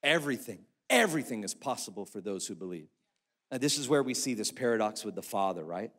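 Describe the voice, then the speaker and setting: A man's voice: on the low side, animated, quick pace, fairly bright tone. A man preaching a sermon as a pastor, with emphatic repetition and rising intensity. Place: church sanctuary. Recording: reverberant church hall.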